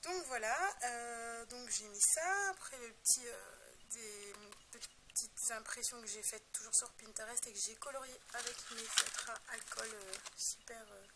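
Young woman, fairly high voice, rambling and hesitant, lots of fillers, noisy home recording with clicks. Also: unhurried, hardly any pauses. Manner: rambling, hesitant, many fillers, self-deprecating. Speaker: scrapbook crafter presenting her album. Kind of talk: casual show-and-tell narration.

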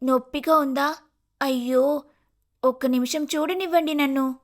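A man voicing a fussy, dramatic young wife in a shrill falsetto, fretting and scolding. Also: steady tone, unhurried. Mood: fussing.

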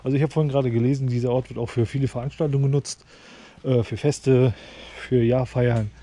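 Mellow-voiced man vlogging outdoors. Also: medium pitch, steady tone, fairly quick. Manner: appreciative, unscripted musing. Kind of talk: casual vlog commentary while sightseeing. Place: outdoors, walking around an open castle ruin.

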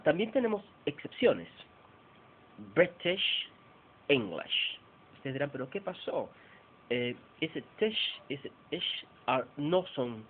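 A man from Peru teaching English pronunciation in a bilingual lesson, slowly over-articulating and repeating example words. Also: medium pitch. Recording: tinny lo-fi phone-like sound with faint noise.

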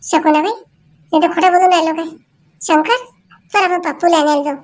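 A woman performs in a rural comedy sketch. Her voice sits very high, and she pleads and coaxes with quick, repeated calls of names. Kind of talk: comic sketch acting.

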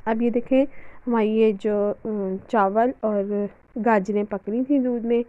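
A woman's voice: on the high side, fairly even intonation, slow pace, dull audio. A woman hosting a home cooking tutorial, talking in a chatty, homely way over the footage. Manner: chatty, homely, with religious greetings and fillers. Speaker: cooking channel host.

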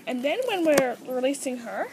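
Teen girl, high voice, pet-training tutorial, sing-song coaxing calls, faint animal sounds nearby. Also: lively intonation, normal speed, noisy background. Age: teens. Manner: coaxing sing-song calls to her pets between explanations. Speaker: guinea pig owner demonstrating training. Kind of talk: casual home tutorial. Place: at home beside a guinea pig cage.

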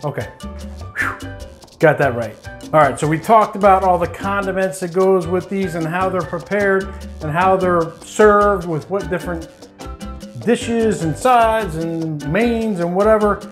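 A man's voice: high-pitched, unhurried, faint music behind. A middle-aged man hosting a casual home cooking show, chatty and enthusiastic, laughing often. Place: home kitchen indoors.

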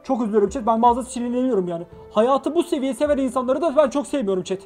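A male streamer reading a story game aloud on a live stream and chatting with viewers, joking and excitable, bursting into shouts and swearing. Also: very high-pitched, rapid-fire, faint music behind.

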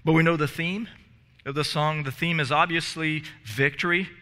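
Preaching before the stage steps of a church sanctuary, this thirty-something pastor sounds notably bright and slightly high, keeping a fairly even intonation at a moderate pace. His earnest sermon is dotted with restarts and repeated words. The headset mic picks up a long, trailing hall reverb.

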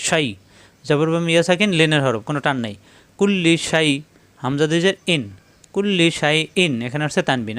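Crisp-voiced man teaching Quran reading. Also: on the high side, fairly bright tone, no echo. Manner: spells words out letter by letter, then recites verses slowly; patient, repeatedly tells listeners to pay attention. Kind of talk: tajweed reading lesson.

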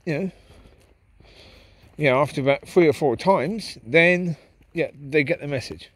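Fairly high in pitch, fairly bright in tone and slightly breathy, his speech keeps a measured pace. The speaker, a vlogger out with his dogs, rambles reflectively to camera on a park path at night, captured by a handheld camera as he walks.

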